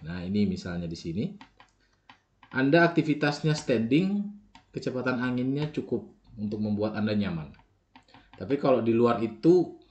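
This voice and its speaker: A man explains a software tool step by step in a screen-recorded walkthrough, with frequent filler tags and self-corrections. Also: on the low side, highs cut off. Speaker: software tutorial instructor.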